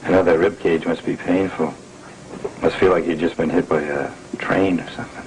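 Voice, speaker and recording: A man plays a sly, menacing henchman in a 1980s TV soap. His very deep voice is smooth and mocking. Faint hiss from an old TV recording is behind him. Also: steady tone, normal speed, a little mellow, lightly acted, rough recording. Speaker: actor in a soap opera.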